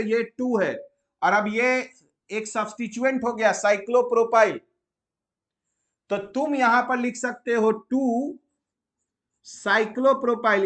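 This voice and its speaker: A man with a high-pitched voice teaches chemistry step by step. He slows down to spell out each name part and keeps checking in with his students. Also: fairly bright tone. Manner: asks students frequent check questions.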